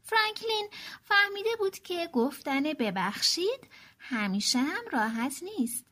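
A woman reading a children's storybook aloud, with a high voice. Her pitch moves in wide, lively swings. She slows down for emphasis. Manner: expressive, slowing for emphasis.

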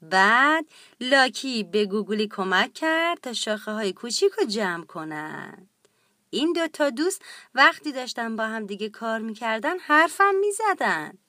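A woman narrating a children's storybook in a gentle, expressive read-aloud way. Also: a little high, dry recording, clean studio sound.

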